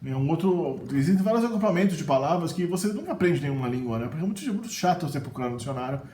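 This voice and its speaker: This middle-aged man has a warm, slightly high voice and a Brazilian Portuguese accent, racing expressively through a casual video lesson on vocabulary. Talkative throughout, he frequently adds "né?" like a question. The room echoes, with faint ambience behind him.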